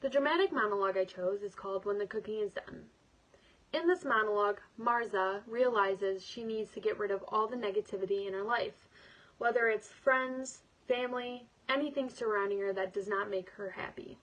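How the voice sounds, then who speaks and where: A woman's voice: medium pitch, moderate pace, fairly bright tone, recorded from a distance, rough recording. A woman giving a prepared spoken introduction to a performance piece, as a student performer.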